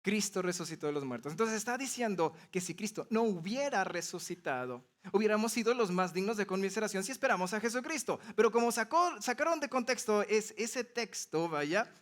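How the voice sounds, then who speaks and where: A man's voice: high voice, lively intonation, brisk, few pauses, a bit bright. A man, preaching a sermon in a conversational way and explaining step by step with everyday examples. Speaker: pastor.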